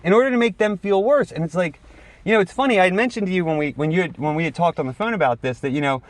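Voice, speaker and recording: A man's voice: high voice, racing, no echo. A man co-hosting a podcast, talking in a reflective, rambling way and laughing often. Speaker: podcast co-host. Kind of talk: casual chat.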